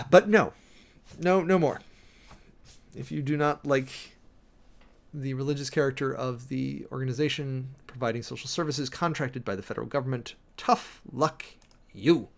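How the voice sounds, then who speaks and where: A preacher hosting a livestream gives a dramatic reading with close commentary, his mid-range voice marked by vocal fry. He's theatrical and emphatic, drawing words out, swelling suddenly and slipping in wry asides.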